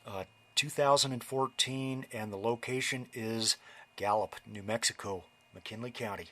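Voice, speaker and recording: A man in his late fifties telling his memories in an oral history interview, slowly and reflectively, with many pauses and fillers. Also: medium pitch, sharp tone. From New York and Connecticut, USA. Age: 50s.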